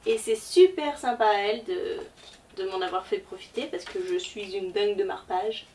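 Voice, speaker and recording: With a medium pitch, a moderate pace and a dark tone, a woman presents a relaxed book haul vlog. She's chatty and hesitant, using many fillers, and the mic sits at a distance with faint noise behind her.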